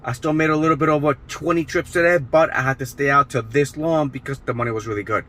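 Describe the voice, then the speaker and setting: Quick, pushed and bright, this fairly high-pitched man's voice belongs to a rideshare driver vlogging from behind the wheel. Though tired and losing his voice, he keeps upbeat, talking loosely to the camera and repeating catchphrases.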